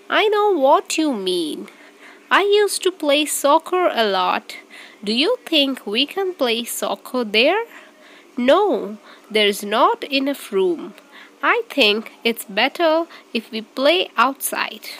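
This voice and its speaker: A woman reading both parts of a short scripted English practice dialogue, clearly and evenly. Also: high-pitched, fairly bright tone. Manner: reads both parts of a short dialogue, repeated at varied speeds.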